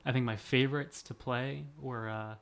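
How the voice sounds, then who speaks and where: A man's voice: medium pitch, steady tone, moderate pace, gravelly, clear, resonant tone. A young man in his twenties chatting casually as a podcast co-host, rambling and self-deprecating, laughing often. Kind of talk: casual chat.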